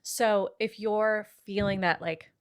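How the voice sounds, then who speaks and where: A woman talking as a money coach in a casual podcast conversation, animated, acting out her clients' voices and swearing casually. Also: mid-range voice, slow, clean tone.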